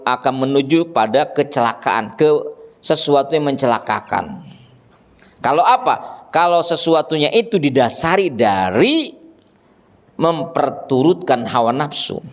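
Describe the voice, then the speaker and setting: A man preaching a religious lesson to a gathering, animated and joking with the audience, acting out scolding parents. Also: on the high side. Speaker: ustadz teaching a religious study group. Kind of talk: sermon. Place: gathering with children and fathers present.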